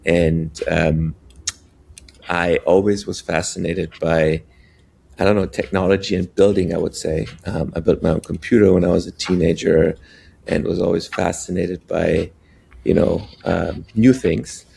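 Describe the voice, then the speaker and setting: A man talks as a podcast guest in a very low voice with heavy vocal fry and a husky edge. He speaks in a relaxed, hesitant way and leans on fillers like "you know" as he goes. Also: measured pace. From born in Iran, raised in Germany. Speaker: guest, venture capitalist. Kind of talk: casual podcast interview.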